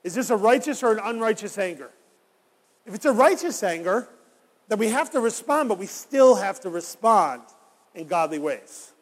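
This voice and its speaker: A man with a notably high voice preaches a sermon, his words ringing out with a long reverb in a large church hall. He talks to the congregation in a conversational way and keeps asking them rhetorical questions. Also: sing-song, normal speed. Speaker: pastor.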